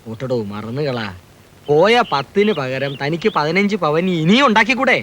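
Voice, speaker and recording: A man's voice: on the high side, expressive, moderate pace, fairly bright tone. An actor playing a talkative, opinionated village father, chatty and admonishing, in a film drama. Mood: knowing, grumbling.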